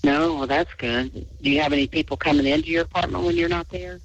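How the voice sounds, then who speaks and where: A man's voice: a little high, quick pace, vocal fry. Rambling man hosting late-night chat. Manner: rambling, with many restarts. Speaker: host. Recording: dull lo-fi audio.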